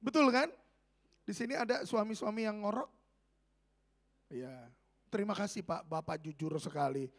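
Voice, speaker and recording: Middle-aged male pastor, high voice a slight rasp, animated, playful sermon delivery. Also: moderate pace, long pauses. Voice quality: slightly raspy voice. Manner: animated, joking, swings between loud and soft.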